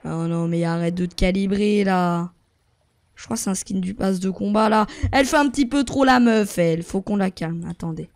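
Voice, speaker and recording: A young man giving excitable gameplay commentary as a YouTuber, jumping between yelps and muttering to himself. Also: sits high, normal speed, smooth. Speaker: gaming YouTuber.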